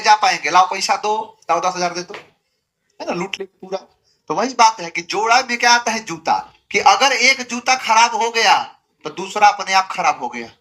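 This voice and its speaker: Bright, high-voiced male grammar teacher. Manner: asks rhetorical questions and answers them himself; emphatic, repetitive corrections. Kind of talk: classroom lecture.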